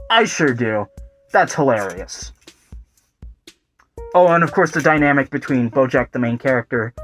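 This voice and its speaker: A man's voice: mid-range voice, fairly bright tone. A young man talking casually in a rambling video commentary, full of fillers and swearing. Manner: rambling, lots of fillers and profanity. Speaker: video essay host. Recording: faint guitar music behind.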